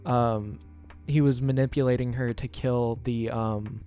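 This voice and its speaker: A man's voice: medium pitch, fairly even intonation, unhurried, warm tone. A young man co-hosting a podcast, talking casually and speculating hesitantly about a film's plot, with plenty of restarts. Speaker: podcast co-host. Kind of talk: casual chat. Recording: faint music under the voices. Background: faint background music.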